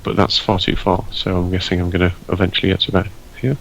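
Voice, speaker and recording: A man's voice: deep voice, little pitch movement, fast talker, gravelly, fairly bright tone, slight background noise, low-quality recording. A man playing a tabletop game, hesitantly thinking aloud as he plans his moves. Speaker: player. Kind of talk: casual tabletop chat.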